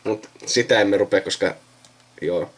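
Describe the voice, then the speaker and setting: On the low side with a breathy edge, this young man's voice wanders through casual conversation, his sentences often trailing off. He's hosting a video, recording himself and a friend at a computer indoors.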